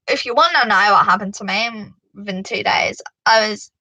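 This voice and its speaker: A woman with a British accent telling a driving story to camera in a casual, animated way, full of "like" and "you know.". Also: medium pitch, moderate pace, dry recording, low-quality recording. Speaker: vlogger giving driving advice.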